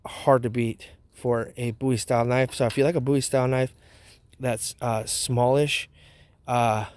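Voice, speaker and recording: A man's voice: mid-range voice, steady tone, moderate pace, a little mellow, dry recording. A man hosting a casual product review vlog outdoors, talking with a wad of chewing tobacco dip in his mouth. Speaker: knife review channel host.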